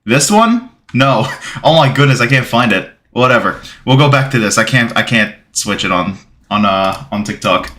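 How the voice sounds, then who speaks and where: Bright-voiced Bulgarian-born streamer man. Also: medium pitch, lively intonation, moderate pace. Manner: rambling, reads chat aloud, thanks followers. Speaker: gaming livestreamer. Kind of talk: casual livestream chat.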